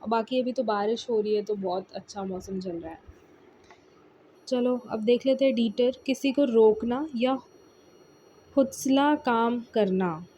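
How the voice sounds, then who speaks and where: A woman's voice: a little high, fairly even intonation, normal speed, dark tone, slight background noise. A young woman teaching exam vocabulary in a casual lesson, explaining patiently and repeating key words. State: tired.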